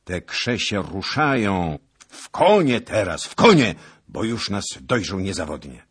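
A man voicing a small, calm knight who speaks in clipped, firm commands in an audiobook. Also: a bass voice, moderate pace, breathy edge, exaggerated voice. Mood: urgent commands. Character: small, steady male knight, terse and calm.

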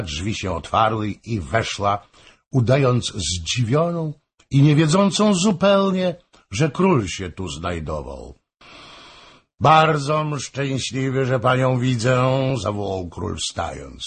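Male audiobook narrator, raspy voice, animated pitch, measured storytelling. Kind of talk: scripted narration of a historical novel.

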